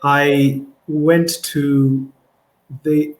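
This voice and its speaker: A man's voice: a little high, flat delivery, drawn-out words, echoey room, rough recording. A young man with a South African Xhosa accent, a podcast guest talking in a thoughtful, casual way and often repeating words as he searches for them. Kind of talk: casual conversation.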